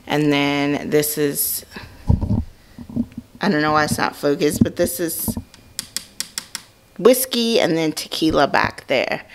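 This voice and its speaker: A woman's voice: low voice, takes it slowly, gravelly, long pauses, slight background noise. A woman narrating a home tour of her basement in a casual, gushing way with frequent ums.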